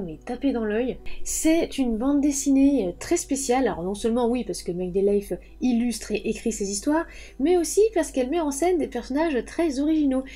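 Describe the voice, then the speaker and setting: A woman of thirty with a fairly high but mellow, warm voice. She chats eagerly as she unboxes parcels for her channel, often circling back to the same little filler words. She sounds like an excited book reviewer sharing new finds. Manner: chatty and enthusiastic, often says "justement" and "effectivement". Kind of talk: casual unboxing chat.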